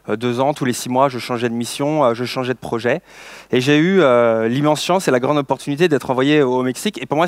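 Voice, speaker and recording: A man's voice: mid-range voice, no room sound. A man in his thirties from France telling a story in a conference talk, with many hesitations and restarts and playful asides to the audience. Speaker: social entrepreneur giving a conference talk.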